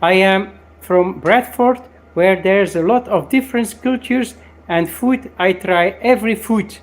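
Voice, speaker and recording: A woman's voice: mid-range voice, a little slow. A woman reading viewer comments aloud during a live cooking stream, relaying them in a plain tone.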